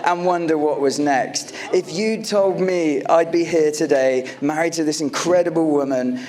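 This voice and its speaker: A man's voice: a little high, dark tone. Groom in his late thirties giving wedding toast. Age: late 30s. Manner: affectionate, joking, sincere. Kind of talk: wedding toast speech to guests. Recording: live event with audience laughter. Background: wedding guests laughing and reacting.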